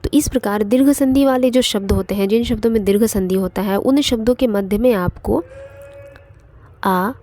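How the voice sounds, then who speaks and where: A woman's voice: medium pitch, normal speed, mellow. A woman teaching an online exam-prep grammar lesson, explaining step by step and repeating points with frequent fillers.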